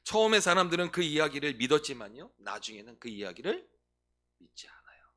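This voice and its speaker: A man's voice: a little high, big pitch swings, fast, sharp tone. A male pastor preaching a sermon, often putting questions to the congregation and answering them himself. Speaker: senior pastor.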